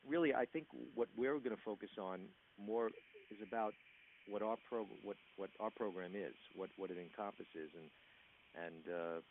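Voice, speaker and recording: A man with a New York accent hosting a phone interview, halting with frequent restarts and a congested chest. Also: fairly low pitch. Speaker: interview host. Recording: tinny phone line with faint hiss.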